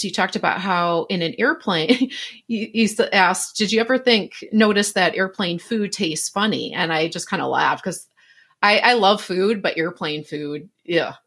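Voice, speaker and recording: Husky-voiced woman podcast host. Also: lowish voice, fairly bright tone. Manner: enthusiastic, self-described health geek. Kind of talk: casual interview talk.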